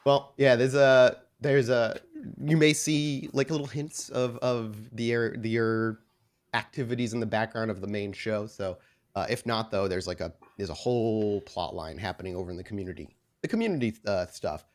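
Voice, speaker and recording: Here the host and storyteller of a tabletop roleplay actual play podcast speaks in a lowish voice at a moderate pace. He gets through casual announcements before settling into slow narration that sets the scene.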